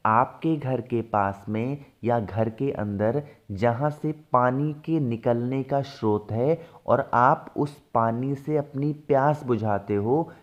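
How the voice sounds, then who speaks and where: A man teaching household ritual steps, often asking a question and then answering it himself, slowing down to stress key steps. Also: medium pitch, darkish tone, lo-fi sound. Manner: asks and answers his own questions. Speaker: religious ritual instructor. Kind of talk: devotional how-to teaching.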